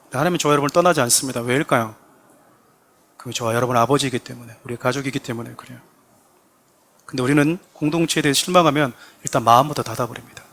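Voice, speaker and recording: A man's voice: medium pitch, fast, fairly bright tone, a little hiss or hum. A man, a pastor, preaching a sermon and speaking directly to his congregation, often acting out quoted lines with rising emphasis. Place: church sanctuary.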